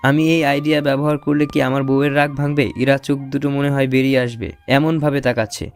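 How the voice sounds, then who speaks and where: A man's voice: medium pitch, level tone, fairly quick, clean tone. A young man narrating an audio romance story in first person, playful and teasing. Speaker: narrator and lead voice actor.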